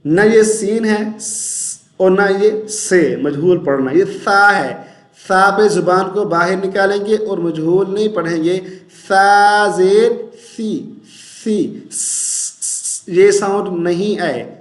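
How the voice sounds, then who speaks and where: A man teaching Quran recitation and pronunciation, patiently repeating syllables slowly and chanting verses in drawn-out tones. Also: high voice, echoey room. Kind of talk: tajweed pronunciation lesson.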